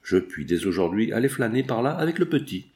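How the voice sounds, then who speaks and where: A man's voice: medium pitch, sing-song, a little fast, a little mellow, lightly acted. A man doing a brash joking painter.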